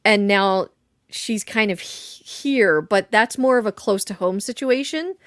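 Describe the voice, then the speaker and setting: A woman co-hosting a casual podcast chat about a video game, thoughtful and quick to laugh, recorded close on a desk mic. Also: medium pitch, a bit bright, dry recording. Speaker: podcast co-host.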